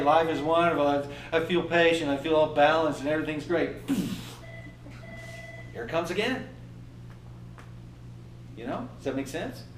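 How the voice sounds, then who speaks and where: Brief: lively man in his fifties, trainer leading a workshop, echoey room, mic a bit distant. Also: on the high side, a little hiss or hum. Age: 50s. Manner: animated, acts out inner voices and laughs. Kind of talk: motivational workshop talk.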